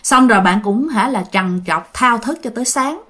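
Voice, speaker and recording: A woman tells a ghost story in a casual, chatty way, turning to her listeners as she goes. Her voice sits high and swoops up and down a great deal. She acts out the voices of the people in the story. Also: expressive, moderate pace, sharp tone.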